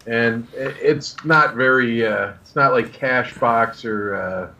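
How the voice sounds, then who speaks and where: A man's voice: mid-range voice, slow pace, bright, forceful tone, muffled recording, a little hiss or hum. A man showing off collectible prizes in natural unscripted talk, rambling and hesitant. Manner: rambling, hesitant show-and-tell.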